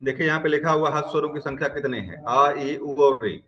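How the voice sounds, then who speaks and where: A man's voice: a little high, a little fast, muffled recording. A man teaching grammar in an online class, explaining step by step and often checking whether students have understood.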